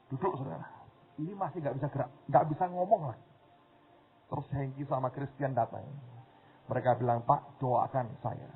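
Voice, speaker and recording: Preacher guy telling a story to the church, slightly high voice, tinge, tinny lo-fi audio. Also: husky. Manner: animated storytelling, addressing the congregation as "saudara". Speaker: pastor. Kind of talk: sermon storytelling. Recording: tinny phone-like audio with faint noise.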